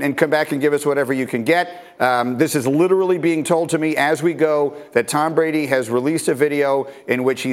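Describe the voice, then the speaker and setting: Male sports-talk host, slightly high voice, brisk and directing. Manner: brisk, steering the conversation. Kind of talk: live sports talk show.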